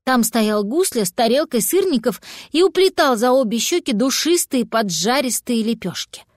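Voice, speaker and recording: Casual: lady reading a kids story, lively, fairly high voice, dry close mic. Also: moderate pace, no room sound. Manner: lively, expressive. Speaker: narrator.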